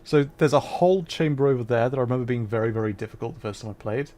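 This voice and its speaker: A fast-talking man with a medium-pitched, dark-toned voice streams a puzzle game, giving playful, self-deprecating commentary and muttering the same little phrases as he works things out.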